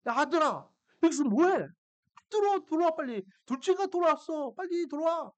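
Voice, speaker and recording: 설교 중 한 남자 목사가 비유 속 아버지를 연기하며, 들뜬 목소리로 재촉하고 달래는 말투를 들려준다. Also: male voice, high-pitched, a little fast, vocal fry, exaggerated voice. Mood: urging. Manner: excited, urging, raised voice. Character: father in a parable, jubilant and pleading.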